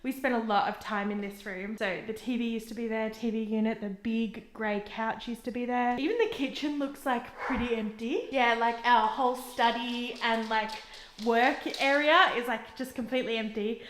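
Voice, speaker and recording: Young woman vlogger, casual and chatty, slightly high voice, strong echo from empty rooms. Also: fairly even intonation, normal speed, a bit bright. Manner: chatty, full of "like" fillers. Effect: echo of empty, bare rooms. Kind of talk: casual house tour chat. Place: empty house, indoors. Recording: echoey bare room, faint noise.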